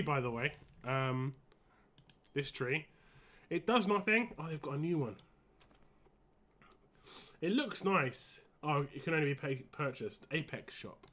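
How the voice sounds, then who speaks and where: Wheezy, bright-voiced man on a gaming stream. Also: on the high side, big pitch swings, moderate pace. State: congested with a cold, wheezy, short of breath. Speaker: live streamer. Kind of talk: casual gaming stream chat.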